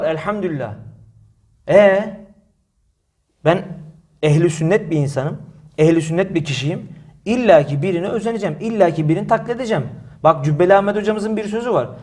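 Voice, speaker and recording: A young man preaching in a mosque, answering a critic forcefully, with many rhetorical questions and repeated phrases. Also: sits high, lively intonation, fairly quick, long pauses. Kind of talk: heated religious talk, defensive.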